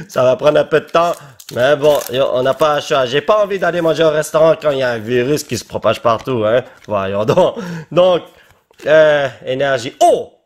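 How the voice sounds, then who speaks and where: A tired young man with a Québécois French accent, excitedly opening Pokémon cards in a casual vlog and tossing in English exclamations. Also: a little high, moderate pace. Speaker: YouTuber.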